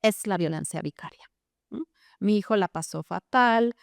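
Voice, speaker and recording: Middle-aged woman, earnest guest therapist; smooth voice, dry close sound. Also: mid-range voice, normal speed, dry recording. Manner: earnest, recounting personal story with many tag questions. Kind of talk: interview.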